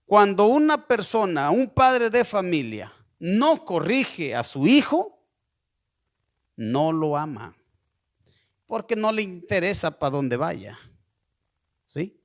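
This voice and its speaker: Preacher guy, talks real slow, high-ish voice, keeps asking "¿sí?". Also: very animated. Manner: slow, deliberate preaching with frequent rhetorical "¿sí?"; asks listeners to send messages. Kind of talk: sermon.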